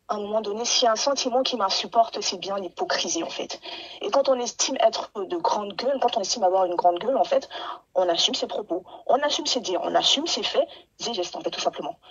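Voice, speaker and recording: Forceful woman caller on muffled audio. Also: medium pitch, breathy edge. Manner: assertive, emphatic, repeats points for force. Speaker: caller on a live stream. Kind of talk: heated opinion rant.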